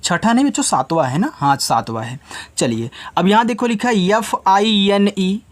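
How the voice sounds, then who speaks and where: A man with a Hindi accent leads a children's English phonics lesson. He spells words out letter by letter at a slow, careful pace. He asks a question and then answers it himself, again and again. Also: high voice, expressive.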